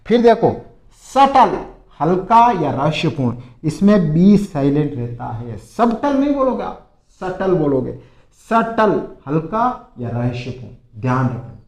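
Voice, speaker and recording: Lively man teaching in an echoey room. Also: fairly high pitch, unhurried. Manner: lively, repeats words for emphasis. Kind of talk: spoken vocabulary lesson.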